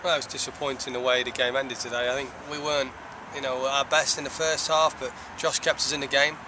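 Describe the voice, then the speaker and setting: A man in his thirties, a soccer head coach, giving a measured, reflective postgame interview outdoors, with lots of "you know". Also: medium pitch, level tone. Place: outdoors by a stone wall. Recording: outdoor traffic noise.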